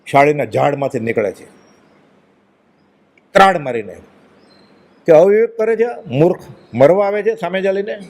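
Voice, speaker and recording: A man's voice: sits high, darkish tone. Emphatic man giving a devotional discourse. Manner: emphatic, rhetorical questions. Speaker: religious speaker.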